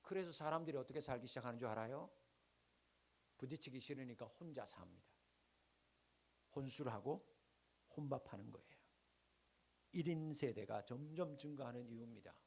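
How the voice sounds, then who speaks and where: A middle-aged male pastor from the Gyeongsang region, preaching with rhetorical questions and sharp swings between loud and hushed lines. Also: mid-range voice, lively intonation, moderate pace, gravelly, pauses often, breathy edge. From Gyeongsang region, Korea. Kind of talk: sermon.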